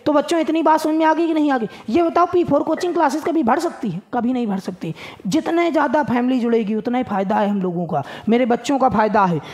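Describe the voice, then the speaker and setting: Brief: male physics tutor, high voice, jokey and sing-song. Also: quick pace, few pauses. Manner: playful, sing-song, dialect asides. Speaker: physics coaching teacher. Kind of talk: exam-prep physics lesson.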